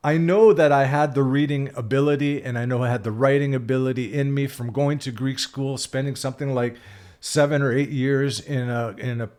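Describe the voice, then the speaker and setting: Fairly quick and fairly even in intonation, a Canadian man in his 60s speaks in a mid-range, darkish voice. He's a spiritual vlogger in a reflective solo video, rambling with frequent fillers and self-corrections, at times candid and emphatic.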